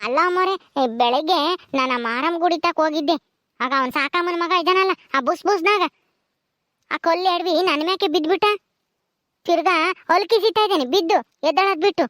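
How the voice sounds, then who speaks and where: A woman's voice: very high-pitched, fairly quick, long pauses, fairly bright tone, no room sound, clean studio sound. A woman with a rural Karnataka accent plays a meek young village housemaid who pleads with her mistress. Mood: confiding. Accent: rural Karnataka Kannada. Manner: pleading, deferential, calls her mistress ammore. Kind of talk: homemade village drama.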